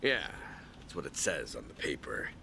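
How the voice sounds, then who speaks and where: An actor playing a blunt, confrontational, short-tempered former gangster in a video game, with a sneering, slangy delivery. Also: male voice, a bass voice, sing-song, moderate pace, sharp tone, slight background noise, exaggerated voice. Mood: guarded, surly. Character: gruff, short-tempered male ex-gangster seeking work.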